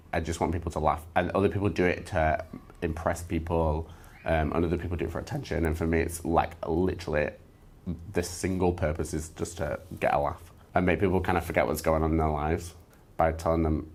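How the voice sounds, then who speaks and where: Male, deep voice; chatty comedian giving an informal, anecdotal interview. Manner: chatty, informal, self-deprecating humour. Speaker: interview guest, drag performer and comedian. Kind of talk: casual interview chat with anecdotes.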